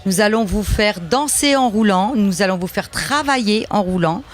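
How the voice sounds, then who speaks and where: A woman eagerly pitching a party bus at a trade show, in long salesy lists. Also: animated, moderate pace. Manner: eager, salesy, repeats "nous pouvons" lists. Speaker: promoter presenting a party bus.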